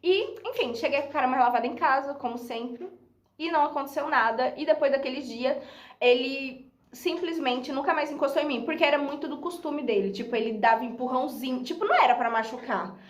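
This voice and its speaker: A young Brazilian woman YouTuber with a Brazilian Portuguese accent tells her viewers a story in a chatty, dramatic casual vlog, laughing often. Her voice is high-pitched and fairly quick, and the recording has a roomy echo.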